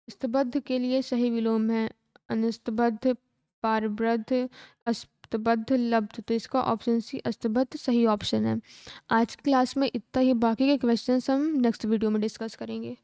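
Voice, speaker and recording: A woman teacher running an exam-prep lesson, reading out questions and answer options at a steady, methodical clip. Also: fairly high pitch, gravelly, smooth, no echo, studio quality. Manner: steady read-aloud of options, brisk and methodical.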